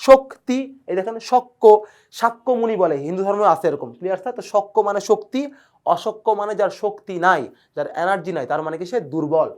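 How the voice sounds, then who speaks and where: Fast-talking male teacher. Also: sits high. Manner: fast, checks in constantly with "clear, sir?"; enthusiastic about word origins. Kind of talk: recorded exam-prep lecture.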